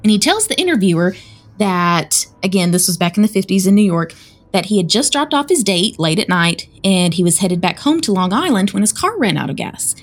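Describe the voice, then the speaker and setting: A woman's voice: medium pitch, sing-song, fairly quick. A woman with a Southern American accent, co-hosting a podcast and chattily retelling a spooky story. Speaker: podcast co-host. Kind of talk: casual storytelling chat.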